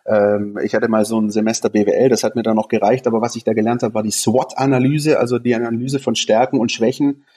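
A man's voice: medium pitch, little pitch movement, quick pace, hardly any pauses, mellow, slightly rough. A man chatting about football as a podcast co-host, eager and conversational. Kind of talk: casual discussion.

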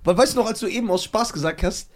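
A man co-hosting a podcast, teasing the others in casual chat. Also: high voice. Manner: playful teasing, quick interjections.

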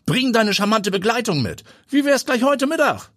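A man's voice: extremely high pitch, big pitch swings, moderate pace, fairly bright tone, no room sound, studio quality, voice pushed up, heavily acted. A man voicing a jovial, boastful middle-aged star chef who talks in a chummy, laughing way. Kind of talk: audiobook character voice.

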